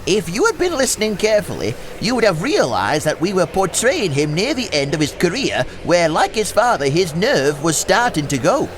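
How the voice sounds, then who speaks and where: Brash boyish stage comic, high-pitched, hissy recording. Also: male voice, sing-song, normal speed, hardly any pauses. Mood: scolding. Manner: brash, showy, rolling alliterative verse. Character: cheeky boyish comic partner Little Jimmy.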